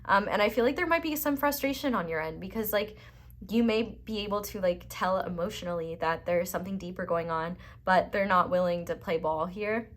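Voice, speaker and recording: A woman's voice: medium pitch, a little fast. A young woman chatting casually through a tarot reading, filling her talk with "like" and "I feel like". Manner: chatty, many "like" and "I feel like" fillers. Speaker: tarot reader.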